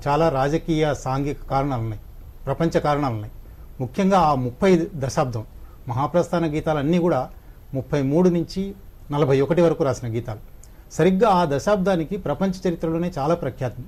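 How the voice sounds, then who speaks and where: A man with a slightly high voice, speaking as a guest scholar in a discussion. He lays out his explanation in a measured, lecturing way, one point after another. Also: a little mellow.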